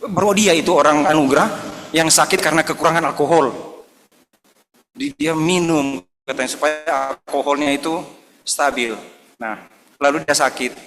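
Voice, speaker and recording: A man's voice: on the high side, moderate pace, long pauses, fairly bright tone. A man preaching a Sunday sermon, telling anecdotes and acting out the voices of the people in them. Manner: storytelling, acting out dialogue in voices. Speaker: pastor. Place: church service. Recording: long church hall reverb, faint noise.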